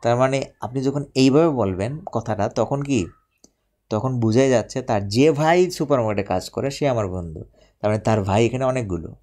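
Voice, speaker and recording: Man, live online teacher, repeats examples, checks understanding, middle pitch. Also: moderate pace, a little mellow. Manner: repetitive, explains step by step, asks viewers to confirm. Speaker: English grammar teacher. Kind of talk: live online lesson explaining to viewers.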